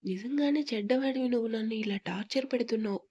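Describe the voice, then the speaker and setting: A woman voicing a pampered, frightened young wife in a storybook reading, pleading through sobbing complaints, with a husky tone. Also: on the high side, quick pace, warm tone, dull audio. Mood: tearful pleading.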